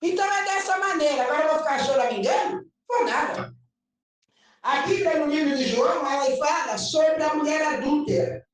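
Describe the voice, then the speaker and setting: High-voiced Brazilian woman preaching, echoey. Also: normal speed. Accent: Brazilian Portuguese. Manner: animated and chatty, often asking listeners if they follow. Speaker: pastor. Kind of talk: lively preaching sermon. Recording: echoey room recorded from far off.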